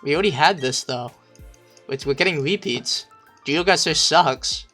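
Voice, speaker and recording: A man streaming a game, thinking aloud, swearing constantly, second-guessing himself and bursting into loud excited shouts. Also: mid-range voice, normal speed, faint music behind. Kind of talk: casual gameplay commentary.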